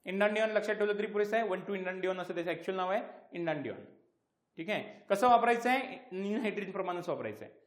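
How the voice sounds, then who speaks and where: High-voiced Marathi man teaching in an echoey room. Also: expressive, quick pace. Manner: asks questions and answers them himself, repeats key terms. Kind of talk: exam-prep lecture.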